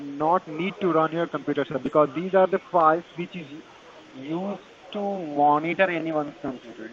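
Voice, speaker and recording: A man with an Indian accent giving a tech support pitch in a call-center manner, halting and repetitive in non-native phrasing. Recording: dull lo-fi phone call, busy chatter behind.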